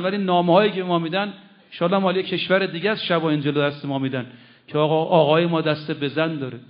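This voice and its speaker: A male preacher giving an impassioned sermon, telling a story and swinging between loud declaiming, low asides and slow, solemn recitation of Arabic phrases. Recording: muffled lo-fi recording.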